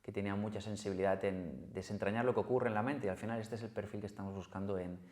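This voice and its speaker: Male podcast host, Spain accent, low voice, rapid delivery, echoey room. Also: fairly even intonation, a little mellow. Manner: quick introductory patter with fillers. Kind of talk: interview hosting.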